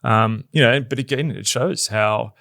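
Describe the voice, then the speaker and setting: A man's voice: mid-range voice, measured pace, creaky, pushed and bright, no echo, clean studio sound. A man co-hosting a podcast, chatting loosely with many restarts and fillers. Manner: rambling, many you-knows and restarts. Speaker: podcast co-host. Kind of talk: casual chat.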